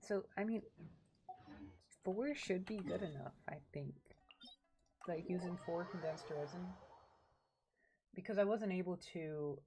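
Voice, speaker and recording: During a casual gameplay livestream, this female streamer rambles on, addressing chat one moment and herself the next. She speaks a little slowly in a dark, lowish voice, with long pauses and slight background noise.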